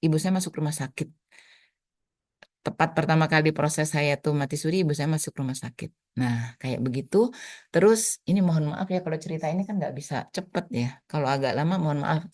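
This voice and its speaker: A middle-aged woman sharing a personal near-death story in an emotional, storytelling way, often dropping to a hush. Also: low voice. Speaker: guest speaker. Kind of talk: personal testimony.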